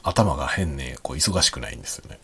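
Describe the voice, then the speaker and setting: Very deep, husky-voiced man chatting quietly. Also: expressive, fast. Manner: soft, rambling, self-deprecating, chuckles often; speaks quietly while drinking. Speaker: podcast host. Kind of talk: late-night quiet solo chat.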